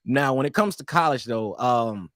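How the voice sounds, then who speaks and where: Easygoing and loose, this young interview guest from East St. Louis, Illinois, keeps circling back through his casual stories, restarting himself and slipping in "man" often. He speaks at an ordinary pitch and moderate pace, recorded dry and close with no echo.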